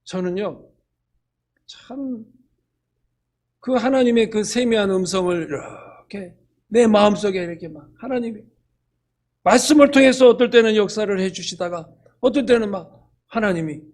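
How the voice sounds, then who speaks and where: An older man, a church elder, preaching a sermon and acting out quoted dialogue in an animated way. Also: high voice, moderate pace, pauses often.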